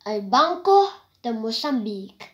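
A woman from Africa, casually showing things to camera in a hesitant, rambling way with soft whispered asides. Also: a little high, very animated, unhurried. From South Africa. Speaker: vlogger. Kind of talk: casual show-and-tell vlog.

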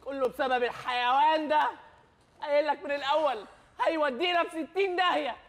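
A man's voice: extremely high pitch, fairly quick, a bit bright. An actor playing a young male bank clerk in a film comedy, a panicky coward who whines and pleads and says he has gone half-deaf. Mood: whiny. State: half-deaf, shouting to hear himself.

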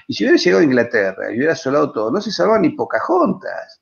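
An Argentine man speaking as a guest historian, telling a historical story with lively digressions and voicing the people in it. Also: on the high side, very fast, creaky, muffled recording. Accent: Argentine Spanish. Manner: lively, digressive, voices quoted characters. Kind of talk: animated storytelling in a panel discussion.

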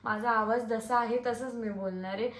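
Woman, hoarse, defiant vlogger, slightly high voice, echoey room. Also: steady tone, moderate pace. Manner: defiant, scornful. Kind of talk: heated family-feud video rant. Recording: echoey room with faint noise.

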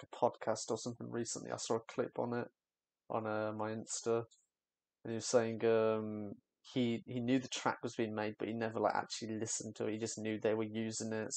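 A man's voice: on the low side, gravelly, a little mellow. A young man giving casual, candid reaction commentary on a music video, rambling and trailing off with fillers.

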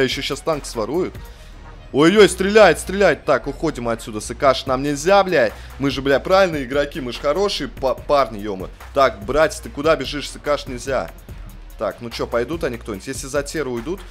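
A young man giving rowdy, profane gameplay commentary as a video host, swinging between loud yelling, laughing outbursts and calmer chat. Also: medium pitch, a little fast, faint music behind. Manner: rowdy, swearing, bursts of shouting and laughter.

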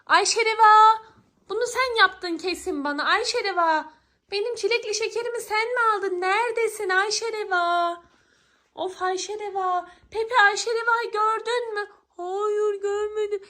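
A woman's voice: very high voice, normal speed, pushed and bright. A woman acting in a scripted family skit, pleading and scolding in a whiny tone.

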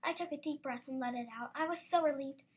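High-voiced schoolgirl reading her story. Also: fast talker. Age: child. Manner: lively, bursts into excited exclamations. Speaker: student storyteller.

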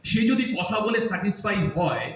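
A man's voice: sits high, very animated, a little fast, fairly bright tone. A man playing a grown son in an audio drama, teasing and lecturing his mother and aunt. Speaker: radio drama actor. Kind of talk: Bengali audio drama acting. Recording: distant echoey room with faint hiss.

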